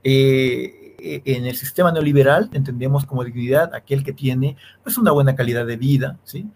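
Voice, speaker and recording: A man's voice: medium pitch, normal speed, a little mellow, slight background noise. A man, a law lecturer answering interview questions, checking in with a constant questioning "sí" and stumbling over restarts. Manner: keeps checking in with a questioning "sí", many restarts and fillers. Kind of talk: academic explanation in an interview.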